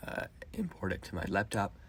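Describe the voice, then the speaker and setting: A young man in his late teens speaks a rambling personal monologue into a phone voice memo. His talk is halting, with restarts and fillers. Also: sits low, big pitch swings, slightly rough. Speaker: vlogger.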